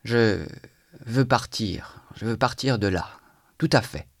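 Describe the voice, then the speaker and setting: A man reading aloud, voicing a frightened young woman who talks softly and hesitantly. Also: lowish voice, takes it slowly, no room sound, clean studio sound. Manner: soft, hesitant, alarmed.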